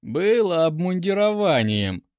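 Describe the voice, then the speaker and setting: A man's voice: high voice, sing-song, unhurried, darkish tone, dry recording, voice pushed up. A man doing a smug sardonic general.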